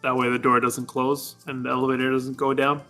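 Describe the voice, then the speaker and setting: A man's voice: medium pitch, completely flat delivery, fairly quick, sharp tone, faint music behind. A man playing a tabletop game, eagerly describing his moves and laughing at himself. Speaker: player.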